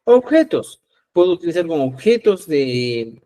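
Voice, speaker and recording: Male teacher from Peru, patient and repetitive, slightly higher voice, live online class. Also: very animated, unhurried, dark tone. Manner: patient, repeats "¿ya?" to check understanding. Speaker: Quechua teacher.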